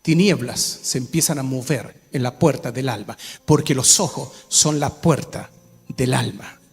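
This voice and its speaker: A man preaching a sermon as pastor, asking the congregation questions and now and then rising to a shout. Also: mid-range voice, unhurried, gravelly. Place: church hall. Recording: reverberant church hall with music.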